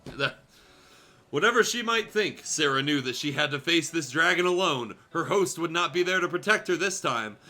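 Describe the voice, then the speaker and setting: Over background music, this streamer animates a fan fiction story with dramatic narration, casual asides and little self-corrections. He sounds a little high and expressive, pushed and bright, at a moderate pace.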